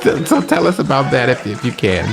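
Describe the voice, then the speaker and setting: A man's voice: medium pitch, very animated, fairly quick, gravelly, over music. A male host in a casual interview, chiming in and laughing along with his guest.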